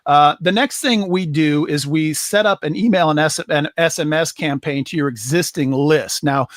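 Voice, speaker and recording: A man with a slightly raised pitch explains a business software service in an easygoing, unscripted way, stumbling through restarts and fillers as he goes. The sound is dry and close, with no room around it. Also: dry recording. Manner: conversational, many fillers and restarts. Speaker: marketing presenter. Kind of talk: casual sales explainer.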